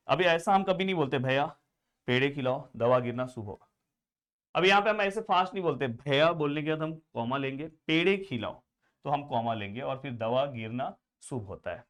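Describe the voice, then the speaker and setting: A man tutoring students in grammar with a smooth, resonant voice that sits a bit high for a man. He talks in a friendly, chatty way, calls the class friends, and voices students' questions before he answers them himself. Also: fairly bright tone. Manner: answers his own imagined student questions. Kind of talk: exam-prep lesson.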